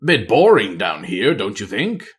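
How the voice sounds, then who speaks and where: A weary veteran spy master, as a man reads him aloud, speaking in a low, quiet murmur with a dry, wry edge. His voice swings up and down through its range even as it stays hushed. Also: measured pace, slightly rough, full character voice. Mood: coaxing. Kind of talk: audiobook-style character reading.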